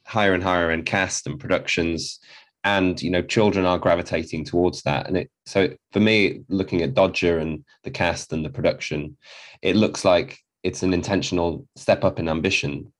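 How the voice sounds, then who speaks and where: Deep-voiced man, measured interviewer. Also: steady tone. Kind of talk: interview question.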